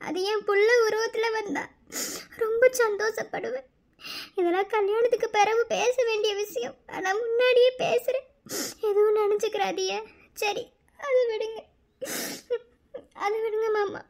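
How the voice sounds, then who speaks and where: A woman doing a young cartoon woman with a Madurai Tamil accent and a very high, childlike voice. She pleads emotionally in rustic slang, tender and longing for her late father. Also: steady tone, a little slow, vocal fry, pauses often, a little mellow, exaggerated voice. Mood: tearful. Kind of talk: cartoon voice acting.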